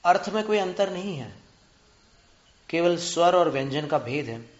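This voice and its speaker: Slow deliberate male teacher, echoey room. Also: on the high side, lively intonation, muffled recording. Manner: slow and deliberate, drawing out syllables and counting them aloud; asks students rhetorical questions. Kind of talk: spelling and pronunciation lesson.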